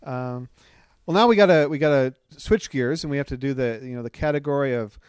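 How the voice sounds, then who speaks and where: A man's voice: mid-range voice, a little fast, a little mellow, smooth, no room sound, studio quality. A man co-hosting a casual talk show, asking questions in a hesitant way with fillers. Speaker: podcast co-host. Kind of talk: casual conversational interview.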